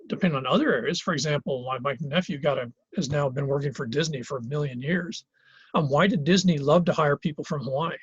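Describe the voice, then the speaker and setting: A man's voice: fairly high pitch, husky, no room sound, dull audio. A man teaching a college geography class in Hawaii, lecturing conversationally with lots of fillers and restarts. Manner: conversational, thinks aloud with many fillers and restarts.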